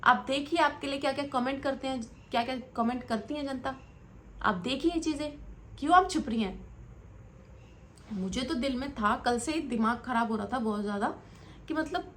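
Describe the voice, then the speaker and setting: A woman's voice: high voice, slight background noise. A young woman vlogger talking straight to camera, earnestly scolding and rambling in a commentary vlog.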